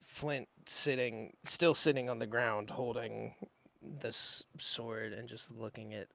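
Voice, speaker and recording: Slow, gravelly-voiced man playing D&D. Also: medium pitch, steady tone, pushed and bright, muffled recording. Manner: slow, casual, describing actions. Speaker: player. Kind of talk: tabletop role-play.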